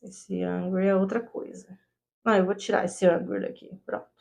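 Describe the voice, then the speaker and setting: A woman's voice: medium pitch, level tone, normal speed, vocal fry, a little mellow. A woman teacher explaining English grammar step by step, often checking in with her students. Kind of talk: classroom lesson explaining grammar.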